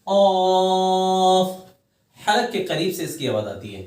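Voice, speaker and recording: A man's voice: fairly high pitch, sing-song, recorded from a distance. Man, Quran reading teacher, patient, chanted letters, roomy echo. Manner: patient, repeats each letter in a drawn-out chant. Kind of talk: recorded lesson for children. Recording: echoey room, voice from off-mic.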